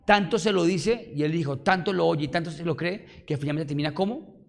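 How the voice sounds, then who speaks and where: A male preacher delivers a lively sermon in a fairly high voice. He swings from loud exclamations down to quiet murmurs. He keeps putting rhetorical questions to his congregation. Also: fairly quick, creaky.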